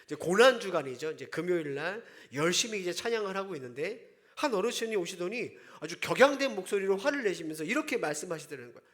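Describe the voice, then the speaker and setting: A man's voice: high-pitched, lively intonation, fast, fairly bright tone. A male pastor preaching a sermon in church, emphatic and often putting rhetorical questions to the congregation.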